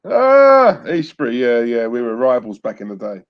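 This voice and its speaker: A man, co-hosting a casual football watchalong with laddish banter and shout-outs to viewers. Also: mid-range voice, huge pitch swings, normal speed, smooth. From East London. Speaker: co-host. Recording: dull lo-fi audio.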